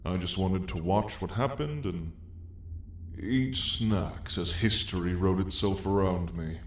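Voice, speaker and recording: For an ASMR roleplay, a man plays an ancient, weary dragon lord, telling his tale with dry menace in a grand, wry, old-fashioned manner. His low voice is a little slow and musing, nostalgic. The recording has roomy echo and faint background noise.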